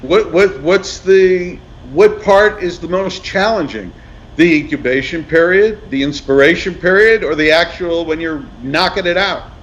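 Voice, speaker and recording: A man's voice: a little high, measured pace, a bit bright, highs cut off. A man hosting a casual discussion, asking questions and laughing easily. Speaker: host.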